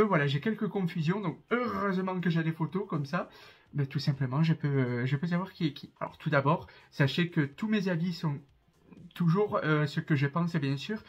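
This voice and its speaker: A man's voice: fairly high pitch, muffled recording. A man in his twenties from southern France, with a southern French accent, chatting to camera as a reaction video creator, with many hesitations and fillers. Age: 20s. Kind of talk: casual chat to camera.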